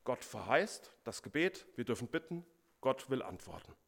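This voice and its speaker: A man's voice: medium pitch, big pitch swings, moderate pace, creaky. A man preaching a sermon as pastor, stressing and repeating key words for emphasis.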